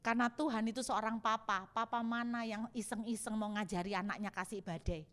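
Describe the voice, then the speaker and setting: A young woman pastor preaching a sermon with lively delivery, acting out quoted voices and mixing in English phrases. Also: a little high, a little fast, long reverb tail.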